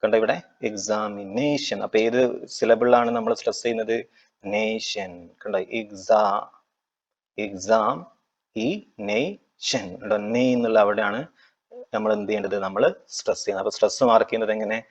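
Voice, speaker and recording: A man teaching an exam-prep lecture, asking his students frequent tag questions and reading English lines slowly. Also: fairly low pitch, level tone, lo-fi sound.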